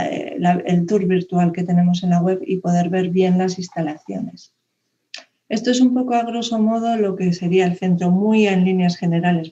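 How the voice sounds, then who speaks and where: This woman from Spain, whose warm voice sits on the low side, gives a conference presentation over a dull indoor video call. Her delivery is hesitant, peppered with fillers and repeated restarts.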